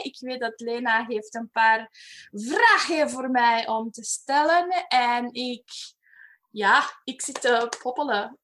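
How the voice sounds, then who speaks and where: Animated Romanian-accented woman, slow speech. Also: high-pitched. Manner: animated, laughing, searching for words. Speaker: guest facilitator. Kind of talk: casual online chat.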